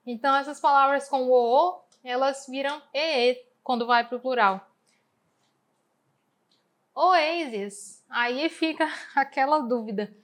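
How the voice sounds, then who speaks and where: An English teacher with a Brazilian Portuguese accent speaks slowly in a high-pitched voice. She patiently walks through exam answers, posing questions and then answering them herself.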